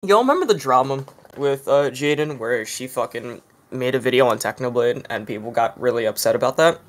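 A man's voice: mid-range voice, lively intonation, a little fast. A man co-hosting a casual group podcast, swearing a lot and explaining online drama at length. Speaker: podcast co-host.

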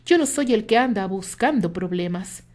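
A woman's voice: medium pitch, lively intonation, normal speed, darkish tone, close to an everyday voice. Brief: woman playing confident mocking rival, firm and cutting, storybook reading. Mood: scornful. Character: self-assured man, firm and mocking rival.

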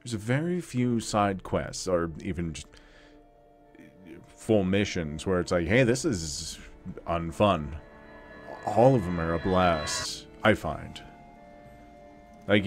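Casting: young male gamer host, deep-pitched, loose and chatty, swears freely while he plays. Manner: chatty, laughing, swearing, rambling. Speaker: let's play host. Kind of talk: casual gameplay commentary.

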